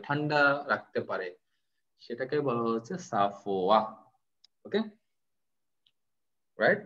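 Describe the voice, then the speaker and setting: A man leads a live vocabulary class over a video call. He is playful and teasing and slips English words into his talk. His voice sits in an ordinary middle register, and the call audio sounds dull and lo-fi. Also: mid-range voice. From Bangladesh. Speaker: vocabulary teacher.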